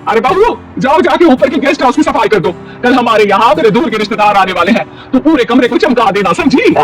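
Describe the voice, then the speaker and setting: A man's voice: very high-pitched, animated, brisk, far from the mic, pitched above the performer's own voice. A man doing a bossy, dramatic old mother-in-law. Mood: commanding. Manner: scolding, loud calling out, wailing complaints.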